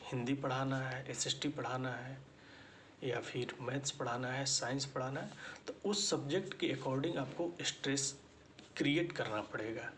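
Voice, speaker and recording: Slow, deliberate male lecturer. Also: medium pitch, a bit bright, slight background noise. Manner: slow, deliberate explaining with repetition. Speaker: teacher-education lecturer. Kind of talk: spoken lecture.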